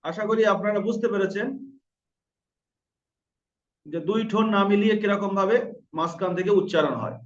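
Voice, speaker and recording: High-voiced male teacher in an echoey room. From India. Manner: patient, repeats sounds slowly to demonstrate them. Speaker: Quran recitation teacher. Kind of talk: online lesson on pronunciation. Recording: roomy, distant, dull lo-fi sound.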